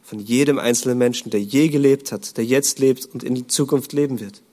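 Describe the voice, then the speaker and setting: An earnest male preacher delivering a sermon at a mid pitch. He poses rhetorical questions to his listeners and sinks into a low, hushed voice on heavy lines. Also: moderate pace.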